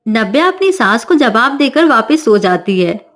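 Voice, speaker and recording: A woman narrating a family cartoon story in a smooth, steady, scripted way. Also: fairly high pitch, measured pace.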